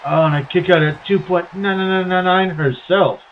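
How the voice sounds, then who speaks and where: A man's voice: high voice, moderate pace, a little hiss or hum. A man streaming and commentating a wrestling video game in a casual, hesitant way, his voice coming through a tinny, tin-can-sounding mic. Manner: hesitant and musing, with many fillers. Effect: tinny, tin-can-like phone sound.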